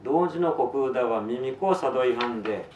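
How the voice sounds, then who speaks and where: A man reciting a story theatrically in thick Tsugaru dialect, with drawn-out phrases and raised cries. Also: mid-range voice, animated, a little mellow, lo-fi sound. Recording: roomy, distant, noisy live recording.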